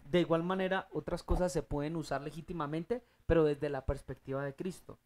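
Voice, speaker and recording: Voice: mid-range voice, fairly quick. Emphatic voice teaching a Bible study. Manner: emphatic, questions the audience and answers; energetic with loud rising bursts.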